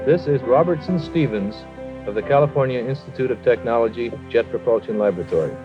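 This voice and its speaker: A man rattles off a brisk, official self-introduction at a quick clip. It plays from an old archival tape, muffled and lo-fi, with music running behind it. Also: mid-range voice, expressive. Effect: old archival tape recording. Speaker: lab engineer introducing himself. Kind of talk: formal on-air introduction.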